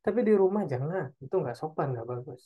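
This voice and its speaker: A man leads an online parenting webinar, taking audience questions and answering each in turn. His delivery is relaxed and chatty, full of small check-ins with his listeners. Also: a little high, quick pace, phone-quality sound. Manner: conversational, tags phrases with "ya" and "oke".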